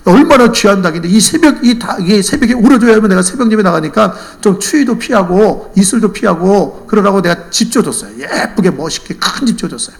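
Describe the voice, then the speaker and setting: A woman's voice: medium pitch, lively intonation, brisk, hardly any pauses, voice pushed up, natural voice. A man voicing an earnest older countrywoman, a church deaconess, who presses her questions insistently. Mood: proud.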